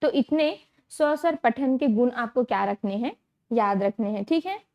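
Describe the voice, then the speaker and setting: High-pitched lady teacher doing exam prep, repeats stuff slow, keeps asking "got it?". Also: animated, muffled recording. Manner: repeats key terms slowly, checks understanding with rhetorical questions.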